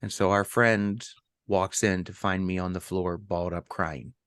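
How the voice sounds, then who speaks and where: A middle-aged man with a low voice recounts a personal story for a podcast, stopping and restarting often with ums. The sound is close and dry, with almost no room around it. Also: fairly even intonation, a bit bright, dry recording. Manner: halting, with many ums and restarts. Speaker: podcast co-host.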